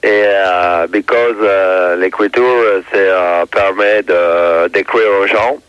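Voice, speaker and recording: A man playing a pop singer from London, phoning a radio show in halting broken French with words mixed in. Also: sits low, fairly even intonation, a bit bright, smooth, dry recording, dull audio, voice pushed down. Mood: halting, earnest. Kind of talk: prank call to a radio phone-in.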